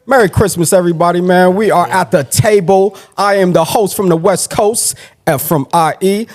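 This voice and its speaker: A man's voice: sits high, normal speed. A man hosting a casual brunch chat show, upbeat and hyping up guests. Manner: upbeat, hype, laughing. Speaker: host.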